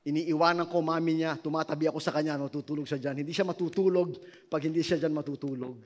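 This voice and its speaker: This is a middle-aged man with a Filipino accent delivering a sermon to his congregation. His voice sits high for a man. He swings between ringing emphasis and soft, personal asides. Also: steady tone, fast. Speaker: pastor.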